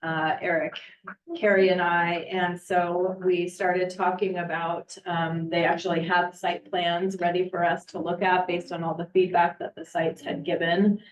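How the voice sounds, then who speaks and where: A woman superintendent giving a casual, chatty update at a school board meeting, often pausing with ums and uhs. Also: lowish voice, level tone. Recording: echoey, distant, muffled meeting audio.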